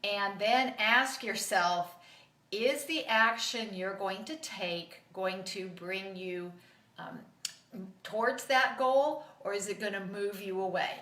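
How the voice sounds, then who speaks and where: A woman's voice: mid-range voice, slow. Middle-aged woman doing a marriage coaching talk, chatty storyteller, echoey room, sounds kinda far from the mic. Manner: animated storytelling with vivid anecdotes. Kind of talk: conversational coaching monologue. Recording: roomy echo, voice a bit off-mic.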